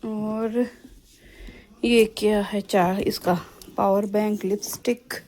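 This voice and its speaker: A woman's voice: medium pitch, steady tone, a little slow, a little mellow. A middle-aged woman chatting casually to viewers in a home vlog, homely and talkative, often calling out "chaliye ji". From India. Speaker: vlogger.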